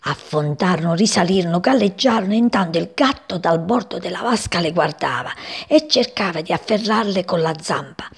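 A woman reading a children's story aloud, expressive and voicing the characters. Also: on the low side, a little fast, creaky, husky.

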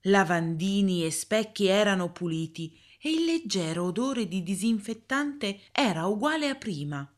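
A woman reading a story aloud in a calm, measured way. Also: medium pitch. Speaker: narrator.

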